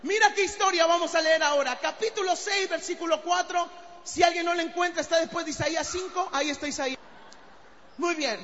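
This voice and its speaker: A fervent preacher shouts his sermon in a strikingly high voice, rallying the congregation to answer back. His voice rings through a large hall with a long reverb, and the recording sounds dull and muffled. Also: fairly even intonation, brisk, slight background noise.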